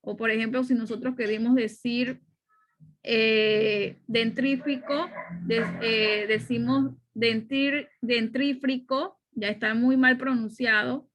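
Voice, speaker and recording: A woman's voice: a little high, fairly even intonation, slow, a bit bright. A middle-aged woman teaching a spoken grammar lesson over slides, explaining step by step and often checking in with her listeners. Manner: explanatory, frequent "¿ya?" check-ins and fillers.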